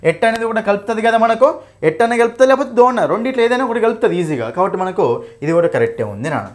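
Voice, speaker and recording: A young man with a Telugu accent teaching an English grammar revision class. He explains each answer option in detail, keeps checking "okay?" and "right?", calls his students "nanna", and reads the English example sentences slowly. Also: high voice, lively intonation. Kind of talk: exam revision lesson.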